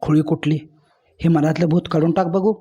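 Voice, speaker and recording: A man voicing a grieving husband in a spoken story, gentle and remorseful in tone. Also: on the high side, fairly even intonation, brisk, breathy edge.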